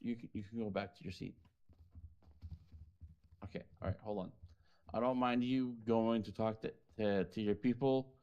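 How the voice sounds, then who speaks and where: Calm low-voiced judge, a man. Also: normal speed, pauses often, lo-fi sound. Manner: calm, patient, repeats "hold on" to keep order. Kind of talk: courtroom role-play in a game.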